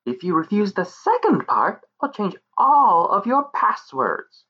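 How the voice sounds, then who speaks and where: A man voicing a small, bossy and scheming female pixie who taunts and threatens in a shrill voice. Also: wildly swooping pitch, measured pace, slightly rough, exaggerated voice. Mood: menacing. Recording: muffled lo-fi recording.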